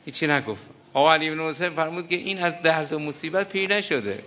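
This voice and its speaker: A man's voice: fairly high pitch, bright, forceful tone, slight background noise. Older man preaching an impassioned mourning sermon. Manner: impassioned, grieving, breaks into lamenting chant.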